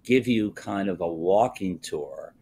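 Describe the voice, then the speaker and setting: An older man talks slowly in a low, deep voice, stopping often with "uh" as he explains things. He is a guest on a TV interview, heard over a webcam from an office. There is faint room noise behind him. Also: lively intonation, vocal fry, a little mellow. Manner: slow, measured, frequent "uh" pauses. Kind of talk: live TV interview over video call. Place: indoors, wood-panelled office with bookshelves. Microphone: video call, webcam close up.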